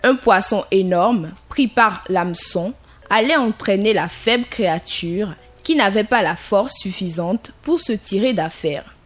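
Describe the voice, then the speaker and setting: A woman narrating a fairy tale aloud in a calm, deliberate storybook reading. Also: medium pitch, soft background music.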